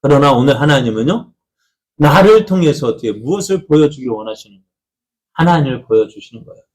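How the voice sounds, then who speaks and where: A man's voice: animated, quick pace. A man preaching a Sunday sermon in a church, asking his congregation questions and answering them himself, his voice rising and falling widely between phrases. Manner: pitch and loudness rise and fall widely between phrases. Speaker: pastor. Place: church sanctuary.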